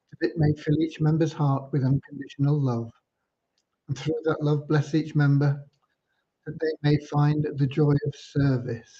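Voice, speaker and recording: A Cornish man hosts an informal livestream as a community leader, giving updates mixed with devotional talk. He speaks in an unhurried, earnest, slightly preachy way, with a high-leaning voice and dark tone, over dull lo-fi livestream audio.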